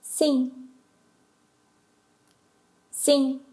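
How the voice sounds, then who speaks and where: A woman with a Brazilian accent teaching a language lesson, repeating each word slowly and carefully for learners. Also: high-pitched, flat delivery, dark tone, echoey room. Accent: Brazilian Portuguese. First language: Portuguese. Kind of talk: slow, clear language lesson.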